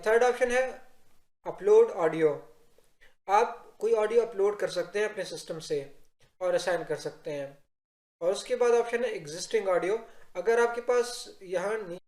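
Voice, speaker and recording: A man giving a software tutorial, explaining step by step and addressing viewers directly in an instructional narration. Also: sits high. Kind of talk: instructional screen-recording narration. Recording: roomy, echoing voice-over.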